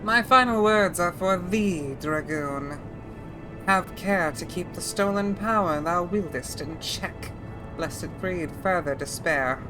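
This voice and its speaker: A woman voicing a solemn ancient female dragon in a throaty, slightly raspy older voice, speaking in stately archaic phrases. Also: lowish voice, slow pace, music in the background, low-quality recording. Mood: solemn warning.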